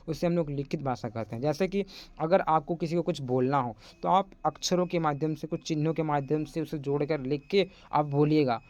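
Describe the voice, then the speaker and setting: A man's voice: a little high, darkish tone. A young man teaching an online class in a casual, chatty way, often calling his listeners friends.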